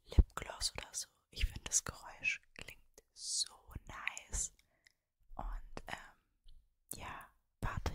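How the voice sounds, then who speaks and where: A woman in her early twenties with a Mannheim German accent, whispering casually in an ASMR style, very close to the microphone. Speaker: ASMR creator and streamer. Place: cosy bedroom, indoors. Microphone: desktop microphone, very close.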